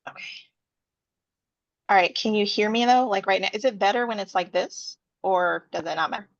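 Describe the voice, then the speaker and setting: A woman leading a workshop over a video call, talking haltingly with many fillers while her voice keeps breaking up on a bad connection. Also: mid-range voice, gravelly. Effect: voice breaking up over a bad internet connection. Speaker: workshop leader. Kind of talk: casual talk on a video call. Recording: dull lo-fi video call audio.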